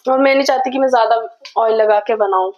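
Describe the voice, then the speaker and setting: A woman vlogger chatting to camera while cooking in her home kitchen, talking slowly and softly and mixing English words into her talk. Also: a little high, highs cut off. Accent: Jammu. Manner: chatty, devotional asides, mixes English words into Hindi; tries to speak slowly and softly.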